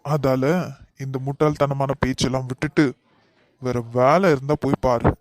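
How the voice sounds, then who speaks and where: A man's voice: medium pitch, level tone, moderate pace, dry recording, natural voice. Man voicing Mano, exasperated married young man. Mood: cold, firm. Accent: Kanyakumari Tamil. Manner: firm, exasperated, then coaxing. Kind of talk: cartoon voice acting.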